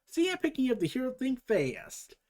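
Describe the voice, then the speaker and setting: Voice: high voice, huge pitch swings, normal speed, a little mellow, pitched above the performer's own voice. A comic book reader putting on the voice of a manic, cheerful female antihero who teases and rambles. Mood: gleeful. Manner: bubbly, teasing, rambling. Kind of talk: comic book read-aloud.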